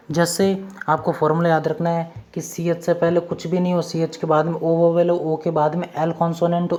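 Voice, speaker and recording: A woman's voice: lowish voice, dark tone. A woman teaching English spelling rules in a patient, repetitive lesson, going over each formula step by step. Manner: repetitive, drills formulas step by step, addresses viewers as friends. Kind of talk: classroom-style lesson explaining rules.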